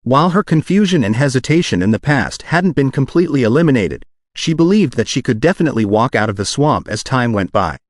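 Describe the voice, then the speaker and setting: A man's voice, machine-generated, narrating a fantasy novel as an audiobook in a steady reading style. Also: mid-range voice, no echo, clean studio sound. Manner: synthetic audiobook reading, reads punctuation aloud. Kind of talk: scripted narration.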